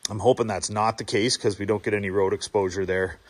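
A man's voice: lowish voice, fairly even intonation, fast. A middle-aged man from Ontario, a builder chatting casually and easily as he walks through a small wooden building under construction. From Ontario, Canada. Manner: chatty, easygoing, with filler restarts. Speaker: builder and small business owner. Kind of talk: casual walking tour vlog.

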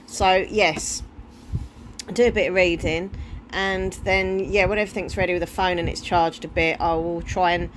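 A woman's voice: fairly low pitch, fairly even intonation, moderate pace. A woman with an Essex accent in her thirties, chatting casually in a rambling, informal vlog with trailing thoughts. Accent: Essex English. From Essex, England. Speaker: vlogger. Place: indoors at home, bedroom. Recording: clear background room noise, handheld home recording.

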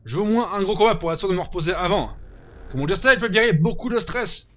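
A man hosting a let's play, giving casual gameplay commentary, reacting loudly, joking and swearing at the game. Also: high-pitched, fast, highs cut off.

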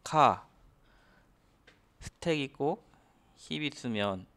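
A man's voice: medium pitch, animated, extremely slow, a bit bright. A man teaching a programming class step by step, asking the listener rhetorical questions as he explains. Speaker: programming instructor. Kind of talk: screen-recorded coding lecture.

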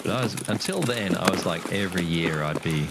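An Australian man co-playing a shooter game on stream, easygoing and halting, with fillers. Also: low voice, expressive. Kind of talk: casual gaming chat. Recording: loud game noise behind.

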